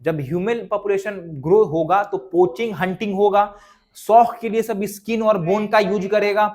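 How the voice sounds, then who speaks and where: High-voiced man drilling a class. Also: steady tone, moderate pace, a little mellow. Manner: drills students by repeating lists aloud, quizzing them. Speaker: teacher. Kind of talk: exam revision lesson.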